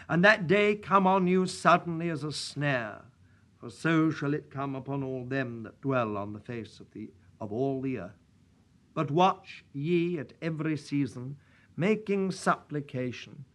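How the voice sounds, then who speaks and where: A man preaching from the pulpit, his voice picked up by a pulpit microphone. He sits a little high for a man and speaks unhurriedly, with solemn, measured phrasing in old-fashioned prayer wording. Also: pushed and bright. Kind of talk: sermon with prayer and scripture reading. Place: church.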